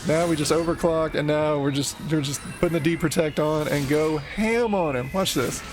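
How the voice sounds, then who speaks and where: Guy doing casual game commentary, wry and slangy, kinda high voice, game music going behind. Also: normal speed. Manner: joking, slangy, wry reactions. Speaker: gaming video host playing through a game. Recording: commentary over loud game audio. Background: game music and effects.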